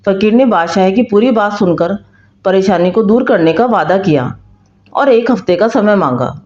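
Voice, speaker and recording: A woman storyteller giving scripted storybook narration in a steady, measured way. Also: mid-range voice. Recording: roomy, slightly dull recording.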